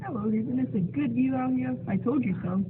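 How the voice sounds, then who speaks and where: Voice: medium pitch, a little fast, natural voice. A performer voicing a chatty, goofy sock puppet guide in a muffled voice, in an amateur puppet show. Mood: friendly, boastful. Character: chatty sock puppet showing a newcomer around town. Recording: tinny phone-like sound, faint noise.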